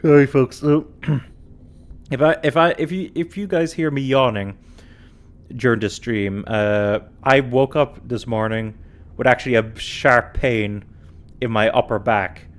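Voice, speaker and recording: A man's voice: medium pitch, steady tone, a little slow. A tired man streaming a puzzle game, talking casually and thinking aloud as he works through it. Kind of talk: casual let's-play commentary.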